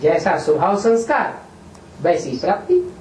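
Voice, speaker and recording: A man with a high, sing-song, slightly mellow voice speaks unhurriedly in a spiritual discourse built around questions and answers. He uses examples and asks rhetorical questions, recorded from afar in a roomy room with a little noise.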